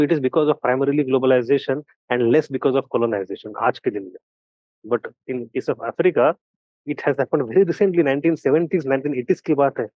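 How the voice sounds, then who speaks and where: Indian man lecturing, fast asides. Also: medium pitch, no room sound. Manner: code-switches mid-sentence, quick asides, slow stressed points. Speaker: history lecturer. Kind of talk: classroom lecture. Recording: dull, dry sound.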